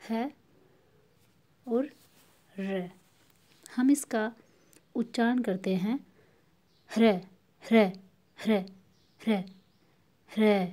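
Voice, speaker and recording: A school teacher with a mid-range, dark-toned woman's voice patiently leads a lesson for children. She drills sounds by repeating syllables over and over.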